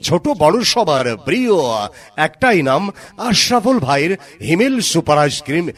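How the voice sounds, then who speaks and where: A man's voice: a little high, sing-song, moderate pace, fairly bright tone. A man with a Bangladeshi accent reading a scripted promotional ad in a chanting, repetitive salesman's patter. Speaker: advertisement announcer.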